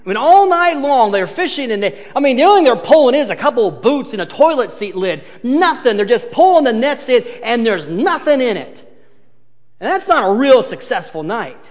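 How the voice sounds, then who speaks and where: A male pastor preaching a sermon, telling the story in an animated way with touches of humor, in a large hall. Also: very high voice, normal speed. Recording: long hall reverb.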